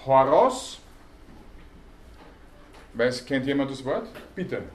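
A man's voice: mid-range voice, normal speed, darkish tone. A man giving a university lecture, explaining terms and quizzing students, with many hesitation sounds. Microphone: student recording from the audience. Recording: echoey hall, faint background noise.

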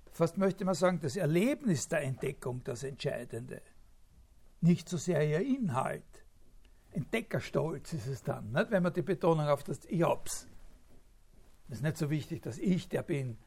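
A man lecturing off the cuff in a slightly raised, gravelly voice. He hesitates constantly, fills gaps with drawn-out filler sounds and checks in with short tag questions. He rephrases himself mid-sentence as he works his ideas out. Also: on the high side. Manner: thinks aloud, rephrasing and restarting. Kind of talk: spontaneous academic lecture.

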